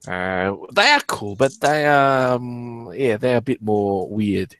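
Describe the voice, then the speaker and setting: A man from Portugal hosting a casual online stream chat, halting and full of fillers and restarts. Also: medium pitch, lively intonation, fairly bright tone, dry recording. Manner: hesitant, many fillers and restarts. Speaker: stream host.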